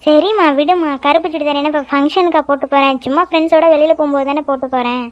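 Brief: woman playing a mouthy cartoon teen girl, high and quick, dry lo-fi. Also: steady tone, no room sound, natural voice. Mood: sassy. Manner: sassy, talks back. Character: cheeky teenage girl, older daughter. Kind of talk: cartoon dubbing.

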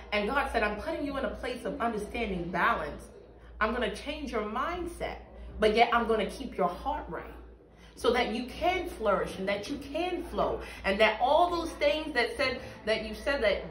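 A seated woman's slightly high, fairly bright voice carries an earnest, emphatic church testimony in an interview, with a little hiss or hum present. The small bare-walled room and a mic a few feet from the camera make it echoey.

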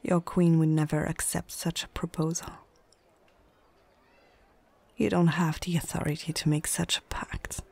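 In a whispered ASMR fantasy roleplay, a woman voices a stern, proud orc chieftain, speaking in short, measured phrases with a husky, breathy, low, flat voice of darkish tone. The performance is heavily acted, and the mood is wary and skeptical.

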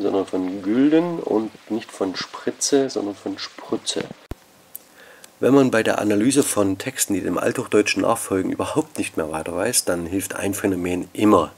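A man giving a recorded university lecture, explaining slides in a measured, formal academic manner and addressing his students politely. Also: deep voice, slight background noise.

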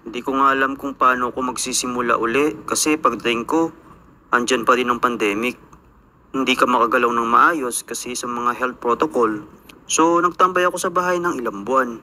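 A man's voice: medium pitch, a little fast, sharp tone, a little hiss or hum. A young Filipino man, an overseas worker, telling his life story in a reflective, earnest voice-over. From Philippines.

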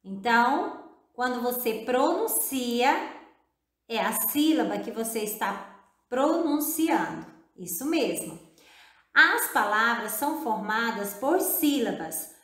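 A woman teacher giving a video lesson to children, speaking in a slow, drawn-out, encouraging way and repeating words syllable by syllable. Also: a little high, lively intonation, fairly bright tone. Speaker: primary school teacher. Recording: echoey room.

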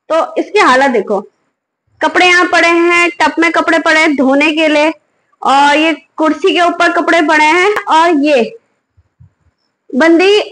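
A woman's voice: very high-pitched, fairly bright tone, low-quality recording. A young woman, a tired and hungry mother, talking frustrated and weary straight to the camera in a casual home vlog, filmed at home at night. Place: home bedroom and kitchen at night. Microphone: phone camera on tripod.

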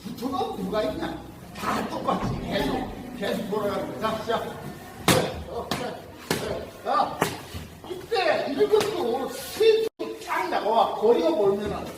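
A man's voice: extremely high pitch, sing-song, slow pace. A man coaching boxing pad work, calling out short commands and punch sounds. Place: large indoor boxing gym. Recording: echoey hall from far off, loud noise.

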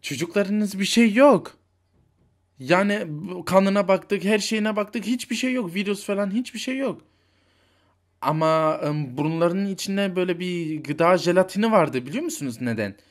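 A man voicing a calm, reassuring woman doctor in a toy figure story, explaining slowly. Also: high voice.

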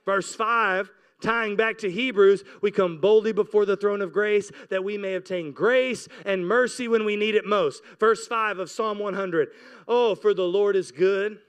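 This pastor, a man in his forties, has a voice that sits high, with a clear, resonant tone. Speaking indoors from a church stage into a close-held handheld microphone, he reads scripture and keeps urging the congregation again and again in an impassioned, exhorting manner.

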